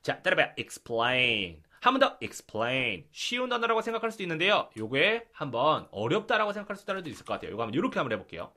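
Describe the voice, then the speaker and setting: A man teaching an English pronunciation lesson, animated and repeating drill prompts. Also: high voice, racing, hardly any pauses. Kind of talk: lively online English lesson.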